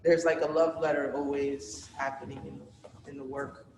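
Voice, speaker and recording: A woman's voice: rumbling low, flat delivery, moderate pace, vocal fry, a little mellow, slight background noise. A woman from New York, an exhibiting artist, talking loosely about her work, with a lot of filler words. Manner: loose, rambling, heavy with fillers. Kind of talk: casual gallery talk. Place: art gallery, indoors. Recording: echoey hall from far off.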